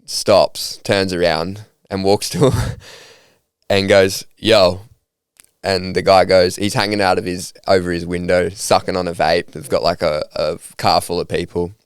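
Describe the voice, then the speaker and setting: A young Australian man telling stories in a relaxed, upbeat, slangy conversational way as a podcast guest. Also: low-pitched, moderate pace, clear, resonant tone, no room sound. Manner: laid-back, upbeat slangy talk with frequent laughs. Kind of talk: casual conversational storytelling.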